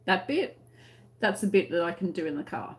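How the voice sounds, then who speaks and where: A woman's voice: on the low side, expressive, moderate pace. A woman with an Australian accent chatting casually to live-stream viewers in a rambling, conversational way, often trailing off mid-thought. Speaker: crochet tutorial live-stream host.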